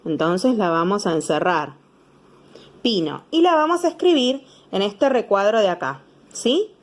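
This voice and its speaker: A woman's voice: medium pitch, sing-song, normal speed. A young woman teacher with a Rioplatense Spanish accent, patiently explaining homework to young pupils, sounding out syllables and checking in often.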